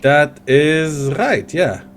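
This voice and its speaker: A man improvising descriptive narration as game master of a tabletop game, speaking haltingly. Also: a little high, lively intonation.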